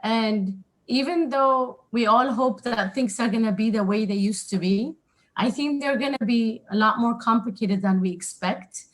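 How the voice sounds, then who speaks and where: Woman from Ethiopia, panelist, earnest, reflective, somewhat high voice. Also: poor audio. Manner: earnest, reflective, slightly halting. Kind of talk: spoken remarks on a webinar. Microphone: video call.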